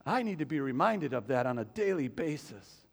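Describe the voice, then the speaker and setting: A man's voice: fairly high pitch, sing-song, normal speed, vocal fry. A man preaching a sermon as pastor, talking to the congregation in a loose, conversational way with frequent asides. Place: church sanctuary. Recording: long reverb of a church hall.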